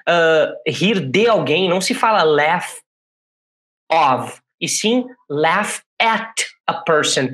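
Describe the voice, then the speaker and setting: A man's voice: high voice, a bit bright. Brazilian man teaching English casually. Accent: Brazilian Portuguese. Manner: spells out English phrases slowly and repeats them; chatty, frequent "né?" check-ins. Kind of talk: casual classroom explanation.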